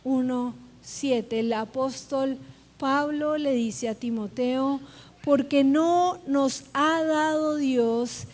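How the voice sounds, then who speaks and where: In a church sanctuary, a woman pastor preaches a sermon earnestly, putting questions directly to her congregation. Her voice is high-pitched, a little mellow, and extremely slow, with long church-hall reverb on the recording.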